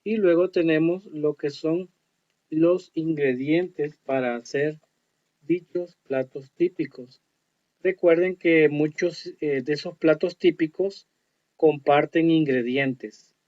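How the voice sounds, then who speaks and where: A man teaching an online English lesson, explaining slowly and reading English words with care. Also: fairly high pitch. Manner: slow, explanatory, reads English words carefully. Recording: dull lo-fi audio.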